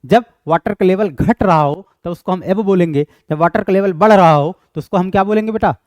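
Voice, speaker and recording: Here a teacher with an Indian accent speaks in a high-pitched voice with a darkish tone, and there's no room sound. His exam-prep lecture moves step by step as he answers his own questions and reads the English question text slowly.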